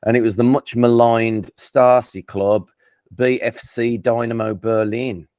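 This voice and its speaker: An English quiz host with a Birmingham accent leads a casual football quiz in a chatty, self-deprecating way, often tripping up and beginning sentences again. His medium-pitched, darkish voice keeps a fairly even intonation and measured pace, recorded at studio quality without room sound.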